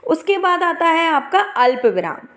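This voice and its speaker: A woman's voice: very high voice, sing-song, unhurried, a bit bright. A woman teaching a grammar lesson, speaking with an emphatic cadence and tag questions, posing questions to her class and answering them herself. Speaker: Hindi teacher.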